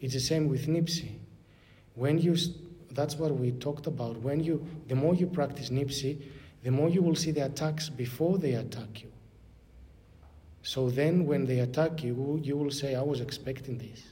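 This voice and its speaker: A man with a Greek accent giving a spiritual talk as a clergyman, answering questions in a measured, instructive way. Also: warm tone. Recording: noisy room with low rumble.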